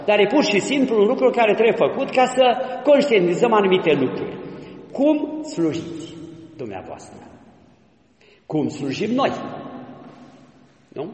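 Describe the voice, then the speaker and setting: A man preaching a sermon as a priest, emphatic and teaching, asking his listeners rhetorical questions. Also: fairly high pitch. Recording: echoey hall with long reverb.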